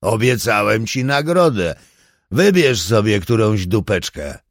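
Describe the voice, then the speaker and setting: A cruel armed burglar in a spoken audiobook, mocking and menacing, drawing out his threats slowly in a raised, hard voice, as a male narrator puts him on. The sound is close and dry. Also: lowish voice, very animated, no room sound. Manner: taunting, slow threatening delivery.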